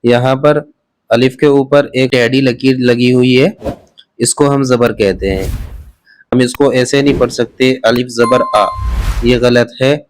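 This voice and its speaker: A man with an Urdu accent teaching a Quran reading lesson, drilling each letter slowly and correcting common mistakes. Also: medium pitch, fairly even intonation, a little mellow, dry recording. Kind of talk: slow recited alphabet lesson.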